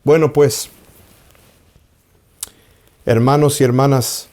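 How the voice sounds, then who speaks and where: This Orthodox priest's voice sits in the mid range, steady and somewhat dark. He grew up in an English-speaking country, and his earnest spiritual teaching comes out halting and apologetic about his Spanish, with repeated phrases for emphasis and English words mixed in.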